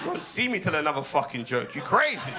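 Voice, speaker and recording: A British man, performing a stand-up comedy set, swinging between low deadpan asides and loud laughing punchlines. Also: quick pace, crowd noise. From United Kingdom.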